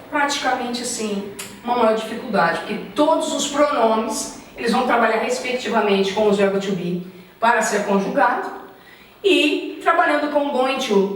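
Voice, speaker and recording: A fairly high-voiced Brazilian woman teaching an English grammar class. She keeps asking rhetorical questions and answering them, and she slows down to read each example sentence. She sounds a little away from the mic, in a very echoey room. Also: far from the mic. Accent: Brazilian Portuguese. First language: Portuguese.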